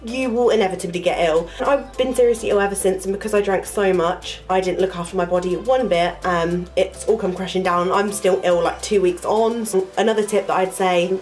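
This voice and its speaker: Fairly quick and with few pauses, a young adult university student vlogs a casual story to camera in a medium-pitched, slightly mellow voice with fairly even intonation. She sounds nasal and congested from the flu, rambles with many fillers, and faint music is audible.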